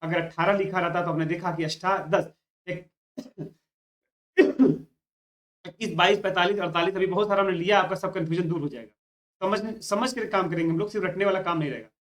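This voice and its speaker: A man's voice: high-pitched, brisk, fairly bright tone. A man teaching an online exam-prep lesson, often repeating key words and telling students to note them down. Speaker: Hindi exam tutor.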